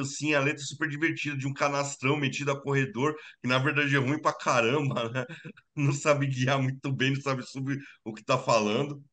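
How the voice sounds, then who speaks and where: A young Brazilian man from a home video call, co-hosting and reviewing an album in relaxed, enthusiastic chat. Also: mid-range voice. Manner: relaxed, enthusiastic, filler-heavy. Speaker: co-host, bass player. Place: home room. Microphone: video call webcam.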